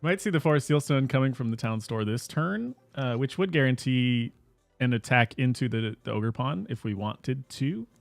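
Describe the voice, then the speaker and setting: Male co-caster, calm measured analysis, dry booth sound with light music. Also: medium pitch, creaky, no room sound. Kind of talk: esports game commentary.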